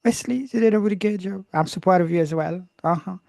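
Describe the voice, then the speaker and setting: A man with a Haitian accent who teaches English, leading a live debate over a video call with lively encouragement. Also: high voice, fast, gravelly, dry recording, clean studio sound. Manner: lively, encouraging, switches between English and Creole.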